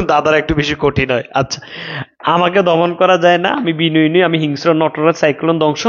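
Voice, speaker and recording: A man teaching an online class, explaining slowly, repeating each line for students to write down, and reading out chat questions. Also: a little high, steady tone, lo-fi sound. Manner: reads out questions from live chat.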